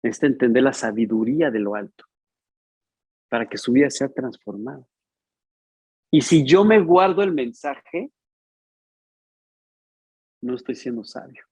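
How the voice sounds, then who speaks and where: A man's voice: mid-range voice, measured pace, long pauses, a little mellow, breathy edge, no echo, poor audio. A man preaching a sermon in a conversational, storytelling way, acting out the dialogue. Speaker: pastor.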